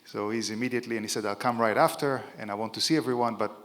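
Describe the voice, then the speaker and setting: This keynote comes from a middle-aged man with an Israeli accent whose medium-pitched voice is steady, fairly bright, and rapid-fire. His conference talk to the large room is informal and jokey, packed with fillers, recorded in an echoey event hall.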